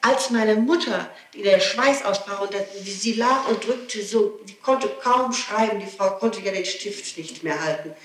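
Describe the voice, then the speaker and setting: Under questioning, this female suspect keeps explaining and repeating herself insistently, giving spontaneous testimony at a measured pace with few pauses and a medium-pitched voice. The 1960s tape is rough, with roomy sound and a slight hiss or hum.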